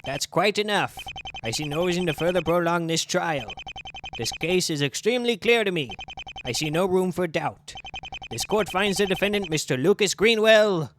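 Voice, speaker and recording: A man's voice: high-pitched, animated, moderate pace, a bit bright, slight background noise, pitched above the performer's own voice. A man voicing a stern, impatient male courtroom judge in a game, with formal, clipped pronouncements.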